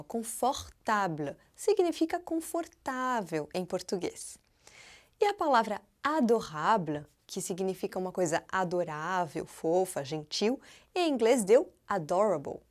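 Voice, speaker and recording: A woman giving an online French lesson, demonstrating pronunciation slowly and clearly and talking to the viewer in a chatty way. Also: medium pitch. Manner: lively and chatty, asks the viewer questions. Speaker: French teacher.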